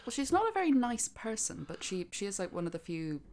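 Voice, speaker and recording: A woman's voice: medium pitch, sing-song, fairly quick, darkish tone. A woman chatting casually as the host of a podcast. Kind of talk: casual chat.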